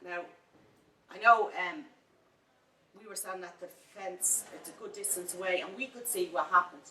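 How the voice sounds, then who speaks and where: A woman with a Dublin accent tells her story to a panel audience and builds into open indignation. Her voice is bright and carries, but it is heard from a distance in a large echoey hall. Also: on the low side, moderate pace. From Ireland. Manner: indignant, storytelling, rising to anger. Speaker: local campaigner on a panel. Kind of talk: impassioned panel talk.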